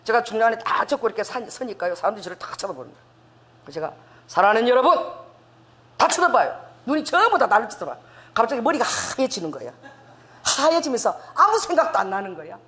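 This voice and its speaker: Female preacher, 40s, lively testimony-style sermon, lots of melodic swing in the voice. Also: a little high, fast talker. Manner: animated storytelling, acting out dialogue, laughing and tearful at times.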